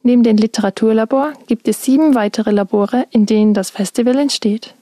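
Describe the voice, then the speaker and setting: A young woman student reporter reading a scripted radio feature in a clear, measured way. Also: fairly high pitch, mellow, a little hiss or hum. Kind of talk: scripted narration.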